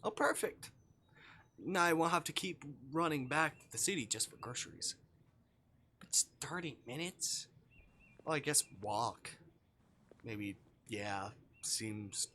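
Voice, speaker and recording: A man livestreams a visual novel, casually reading the game text aloud and tossing in playful, muttered asides as offhand commentary. His voice is medium-pitched and sharp, with a little hiss or hum in the audio.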